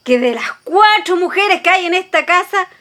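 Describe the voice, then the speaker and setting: An actress playing a chatty, gossiping housemaid in a radio drama, giggly and eager to tell the news. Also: female voice, very high voice, expressive, normal speed, a bit bright. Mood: gossipy. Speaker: maid.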